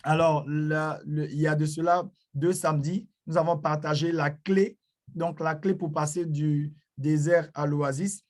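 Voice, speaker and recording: Male preacher for an online conference; level, monotone delivery, a touch high, hesitant and repetitive. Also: measured pace. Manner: frequent hesitations and fillers; repeats blessings and greetings. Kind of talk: online church conference talk.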